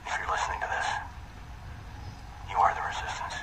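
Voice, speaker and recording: An actor playing a grave, weary resistance leader in a dramatic broadcast monologue to survivors. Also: male voice, a little fast, close to an everyday voice. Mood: grave, resolute. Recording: very noisy, crackly resistance broadcast.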